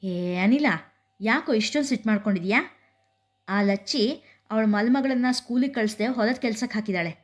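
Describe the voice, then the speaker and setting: A woman's voice: fairly high pitch, normal speed, lightly acted. A woman voicing a blunt young village woman who answers cool, offhand and defiant.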